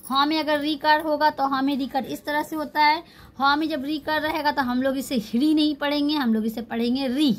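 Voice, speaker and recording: Female teacher, high register, slow and patient, repeating syllables for beginners. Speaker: language teacher. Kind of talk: slow spelling-out lesson.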